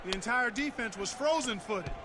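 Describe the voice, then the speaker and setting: Analytical game color commentary. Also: male voice, extremely high pitch, animated, normal speed. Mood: analyzing. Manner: analytical, conversational. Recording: game audio with loud music.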